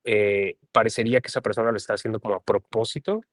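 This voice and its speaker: A man with a Mexican accent, speaking as an interview guest in a relaxed, thoughtful way and often adding a questioning tag. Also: on the low side, quick pace, no room sound. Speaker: translator and guest. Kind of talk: casual conversation.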